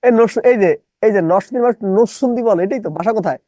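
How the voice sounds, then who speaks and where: A man's voice: high-pitched, rapid-fire, dark tone, no room sound, rough recording. Give me a male English teacher who drills words syllable by syllable. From Bangladesh. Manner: drills students, repeats questions, spells words out syllable by syllable. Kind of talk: live online English lesson.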